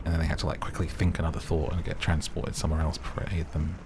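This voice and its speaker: Though his commentary is laid-back and rambling, this let's-play host talks at a racing pace in a level, slightly mellow bass voice that's a bit worn, as he's slightly losing it. He makes self-deprecating asides over background music, with a little hiss or hum in the recording.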